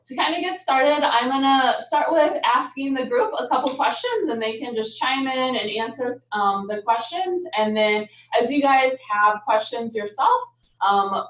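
A young adult woman on an international affairs staff hosts a webinar in a friendly, upbeat way, saying "um" a lot. Her fairly high voice is a bit bright. She is far from the mic, so the sound is muffled and roomy.

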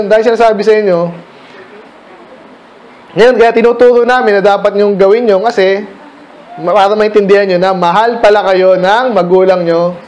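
Calling on the children by name with questions, a middle-aged Filipino pastor gives a relaxed Bible study talk. His voice is high and a little mellow.

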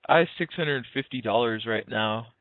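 This early-twenties prank caller speaks at a moderate pace in a medium-pitched voice, with no echo. He's on a thin, tinny telephone line, keeping up a sincere act through loose, slangy, halting talk.

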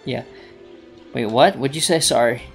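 A man's voice: medium pitch, measured pace, gravelly, faint music behind. A man giving rambling let's play commentary, talking to himself with many hesitations as he plays a game. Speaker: gaming channel host.

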